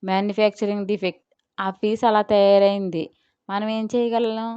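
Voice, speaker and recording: A woman voicing a playful young man who sweet-talks and teases his girlfriend over the phone, in a smooth, clear voice. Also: medium pitch, flat delivery, normal speed, mellow, no echo, highs cut off, natural voice. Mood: teasing, doting. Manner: teasing, sweet-talking. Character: playful doting young male lover.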